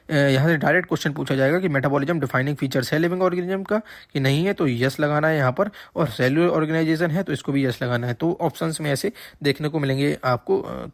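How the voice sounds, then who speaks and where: A man's voice: a little high, no room sound, studio quality. Patient man teaching a lecture. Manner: explains patiently, repeats key points, checks understanding. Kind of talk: exam-prep lecture.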